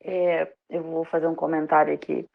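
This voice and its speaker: A woman moderates a live panel discussion in a calm, measured voice. Her pitch sits in the middle range, and the audio sounds slightly dull and lo-fi. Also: creaky.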